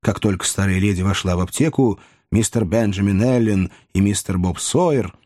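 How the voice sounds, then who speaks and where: A man reading a classic novel aloud as an audiobook narrator, measured and expressive. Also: on the low side, no echo, clean studio sound. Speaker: audiobook reader.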